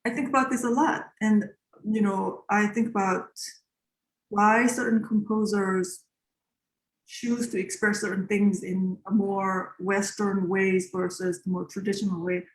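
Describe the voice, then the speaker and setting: A Korean-born composer in her forties, a native Korean speaker, answers interview questions thoughtfully, pausing often and using many fillers. Her medium-pitched delivery is flat, and the recording is echoey with poor audio.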